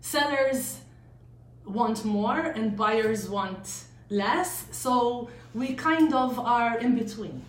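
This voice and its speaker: A woman with a Maltese accent answering casual interview questions as a real estate agent, often starting haltingly. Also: a little high. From Malta. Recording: echoey room, faint noise.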